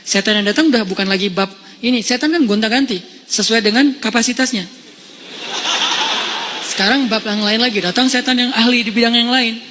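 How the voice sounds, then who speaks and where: A high-pitched man gives a sermon as a casual, lively story, acting out each voice. His words echo through a long hall reverb. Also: fairly quick, noisy background. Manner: lively, conversational, acts out quotes. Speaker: preacher.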